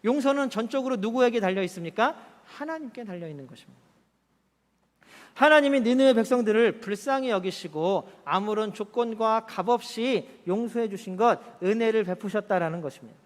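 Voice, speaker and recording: A man's voice: high voice, lively intonation, a little fast. A man preaching a Sunday sermon as pastor, asking his congregation questions in a conversational way. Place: church sanctuary. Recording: church hall reverb.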